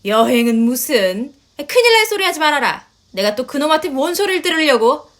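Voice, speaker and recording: A nagging, indignant older mother-in-law played by a woman in a narrated story, set in a high register. She scolds and sighs in huffy complaints, pushing every grievance. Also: big pitch swings, brisk, fairly bright tone. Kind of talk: storytelling voice acting.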